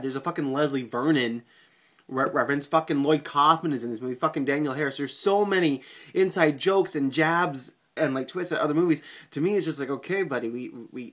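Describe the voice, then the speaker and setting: A man talks through a casual movie review at an ordinary, mid-range pitch for a man. He rambles and swears freely, and his sentences stall on fillers and restarts. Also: a bit bright.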